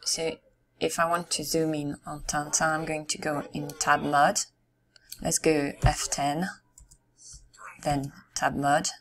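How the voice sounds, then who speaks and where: A woman narrates a video game in a low, hoarse voice that is partly giving out. She takes her time, speaking slowly and casually, musing aloud as she plays. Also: level tone. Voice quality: somewhat hoarse. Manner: unhurried, musing aloud to herself. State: losing her voice. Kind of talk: casual let's-play commentary.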